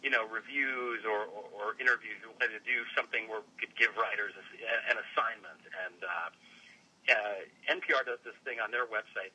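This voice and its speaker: A man talking casually as a radio interview guest, somewhat halting and repeating words mid-phrase. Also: lowish voice, pushed and bright, slightly rough, rough recording. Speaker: interview guest, website editor.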